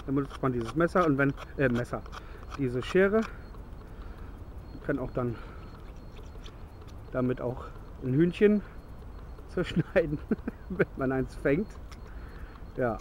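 A man's voice: mid-range voice, lively intonation, takes it slowly, pauses often, a little hiss or hum. A man in his thirties casually demonstrating gear outdoors in the woods at dusk, chatty and rambling, correcting himself as he goes, recorded close on a handheld camera. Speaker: bushcraft vlogger.

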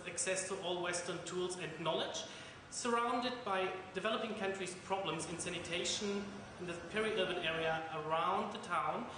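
Young guy, high voice, boomy lab echo and hiss. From Germany. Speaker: PhD student researcher. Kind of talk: interview statement. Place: laboratory indoors. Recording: echoey lab room with hiss.

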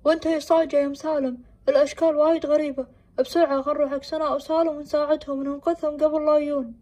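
An urgent family father, voiced by a woman, barking hurried orders in a home-made drama. The pitch is high and flat, and the lines come fast. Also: a little hiss or hum, close to an everyday voice. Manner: hurried commands. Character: urgent father Abu Salem, middle-aged.

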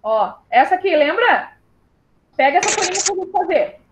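A woman's voice: very high-pitched, sing-song, a little hiss or hum, rough recording. A woman teacher, patiently leading young children through syllables in an online class. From southern Brazil. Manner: patient, spells out syllables slowly, calls pupils "my love". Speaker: primary school teacher.

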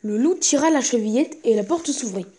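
A woman reads a classic fairy tale aloud as the storyteller. Her delivery is steady and careful, with a mellow, rounded tone. The voice sits fairly high for a woman. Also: brisk.

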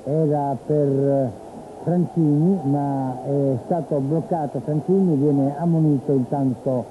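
A man from Italy giving live football play-by-play commentary on television, in a measured, descriptive way with pauses. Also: fairly high pitch, steady tone. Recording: tinny phone-like old TV broadcast, noisy stadium. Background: stadium ambience.

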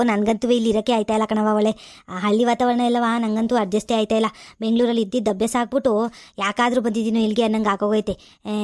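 A woman's voice: fairly high pitch, a little mellow, no echo, clean studio sound, natural voice. A woman playing a spoiled young daughter-in-law from the city who complains and talks back, in a comedy skit.

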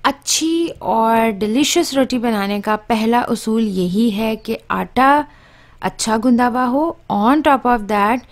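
A woman's voice: a little high, slow. A woman, narrating a cooking tutorial as channel host and explaining tips step by step.

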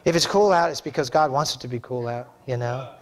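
In a church sanctuary, a middle-aged man stands at the pulpit preaching as pastor, speaking briskly in a medium-pitched voice. His manner is conversational and folksy, yet emphatic.

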